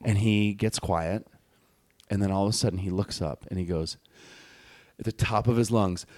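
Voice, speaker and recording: A man's voice: fairly low pitch, normal speed, slight background noise. A man guesting on a podcast, telling a story in casual chat and acting out the voices of the people in it. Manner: animated storyteller, acts out quoted voices loudly.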